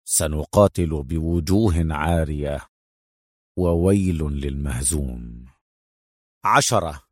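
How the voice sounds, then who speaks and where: A man narrating an audiobook in an even storytelling manner. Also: medium pitch, no room sound, studio quality.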